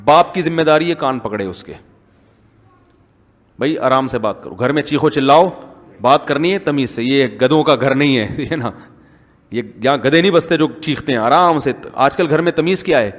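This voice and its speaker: A man with a Pakistani Urdu accent giving a humorous, rhetorical reformist sermon as an Islamic scholar. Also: fairly high pitch. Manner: humorous, rhetorical, mimics voices. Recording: long hall reverb.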